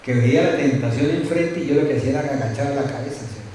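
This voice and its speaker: A man's voice: mid-range voice, fast talker, darkish tone, slight background noise. A middle-aged male pastor preaching a sermon conversationally, with frequent tag questions and acted-out anecdotes. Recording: very echoey church room.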